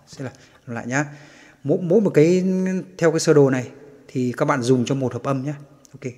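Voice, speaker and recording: A man's voice: mid-range voice, a little mellow, long reverb tail. A man giving a casual guitar lesson, patiently chanting the strum directions aloud. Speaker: guitar teacher.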